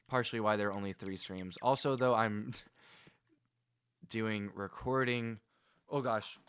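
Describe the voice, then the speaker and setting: Slow and fairly even in intonation, this man's low voice is clear, resonant and a bit bright, captured in studio quality with no room sound. He's a game streamer rambling casually to his viewers as he plays, laughing, restarting frequently and addressing them by name.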